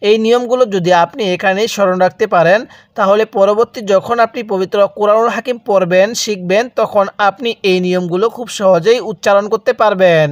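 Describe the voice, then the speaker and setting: A man's voice: high-pitched, dry recording. Patient male teacher drawing out syllables. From Bangladesh. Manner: drawn-out slow syllables, repeats and prompts learner to read along. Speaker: Quran reading teacher. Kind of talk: step-by-step recitation lesson.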